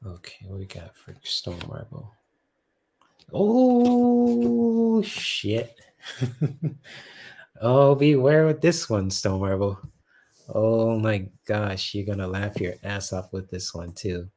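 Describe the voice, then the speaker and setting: A man's voice: fairly low pitch, measured pace, a little mellow. A man hosting a casual tarot live stream, chatting with viewers, laughing often and swearing loosely.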